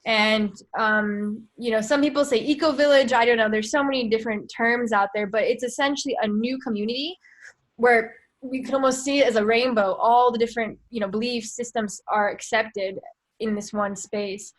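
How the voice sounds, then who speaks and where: A woman's voice: a little high, steady tone, normal speed. A woman guest speaking earnestly over a video call and searching for her words. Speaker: guest filmmaker and activist. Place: outdoors in a jungle.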